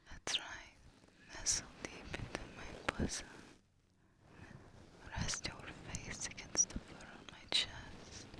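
A doting monster hostess with fur and coils, played by a woman, murmurs in a hushed, airy whisper. She speaks slowly and evenly, with little rise or fall in her voice. Her tone stays tender and lulling, like an ASMR roleplay. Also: mid-range voice. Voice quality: breathy whisper. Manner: slow, soothing, doting.

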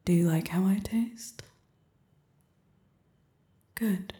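A woman playing a commanding, seductive queen, speaking slowly and imperiously and often dropping to a whisper. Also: fairly low pitch, dark tone. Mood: sultry, commanding. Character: commanding, seductive adult queen on her throne. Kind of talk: audio roleplay. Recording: roomy echo.

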